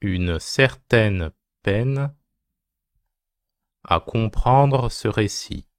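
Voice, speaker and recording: Male teacher dictating: lowish voice, very slow phrase-by-phrase delivery, punctuation read out. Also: animated, no echo, clean studio sound. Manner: dictating slowly phrase by phrase, punctuation spoken aloud. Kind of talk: dictation reading, repeated short phrases.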